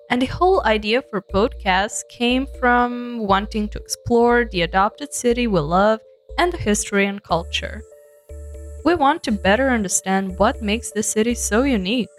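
A woman from Serbia co-hosting a podcast, explaining things in a casual way and laughing easily. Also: on the high side. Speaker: podcast co-host.

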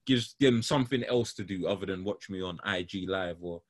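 A man's voice: low-pitched, fairly quick, a little hiss or hum. A man with a London street accent hosting a podcast in casual, slangy roadman talk. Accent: London, urban street style. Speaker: podcast host. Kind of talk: casual chat.

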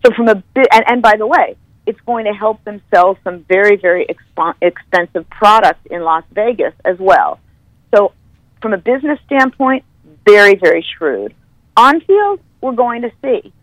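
A woman football analyst telling stories as a podcast guest, animated and stopping to correct herself. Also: medium pitch, normal speed, no room sound, low-quality recording. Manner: animated storyteller, corrects herself mid-sentence. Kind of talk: podcast interview.

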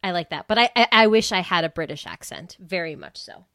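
A woman's voice: on the low side, lively intonation, fairly quick, bright, forceful tone, dry recording, clean studio sound. A woman co-hosting a wedding podcast as a planner, joking and giggling through casual chat.

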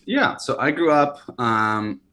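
A company founder in his early thirties, from California and Hawaii, talks casually in an interview. His medium-pitched voice moves slowly, and he sounds relaxed yet hesitant, with many fillers and restarts.

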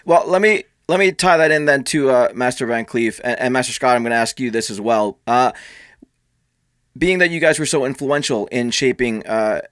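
A man's voice: medium pitch, normal speed, a bit bright, no echo. Polite male moderator, dry sound. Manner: polite, deferential questioning. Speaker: panel moderator. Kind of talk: panel discussion.

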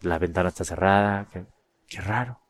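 Chatty Mexican actor with a low voice. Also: male voice, fairly quick. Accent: northern Mexican. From Monterrey, Mexico. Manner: animated, repeats words while finding them. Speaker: actor and guest. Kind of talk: casual storytelling interview.

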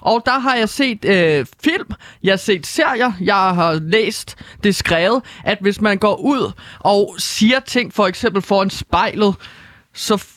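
A man's voice: high voice, a bit bright, no room sound. A young man co-hosting a studio show, playful and bumbling in comic banter. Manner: playful, bumbling, blurts catchphrases. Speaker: co-host, news reporter. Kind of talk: casual comedic banter. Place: radio studio.

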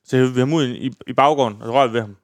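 A man's voice: mid-range voice, dry recording, clean studio sound. A man co-hosting a podcast, telling crude, rambling stories in casual chat with lots of hesitation. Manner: rambling, crude storytelling with many fillers. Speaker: podcast co-host.

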